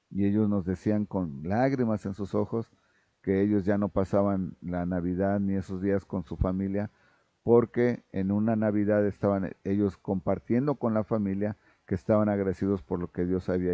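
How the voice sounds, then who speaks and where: A man's voice: on the low side, warm tone, no room sound. A man preaching a sermon as pastor, speaking emphatically and often checking in with his listeners. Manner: raises his voice when reading scripture aloud. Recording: dull lo-fi recording, dry.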